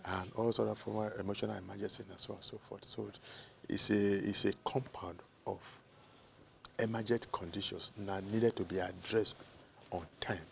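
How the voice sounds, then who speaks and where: A man with a Nigerian accent, a doctor answering interview questions in a measured way that lists examples one by one. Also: fairly low pitch, steady tone, gravelly, a little hiss or hum. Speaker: doctor, consultant guest.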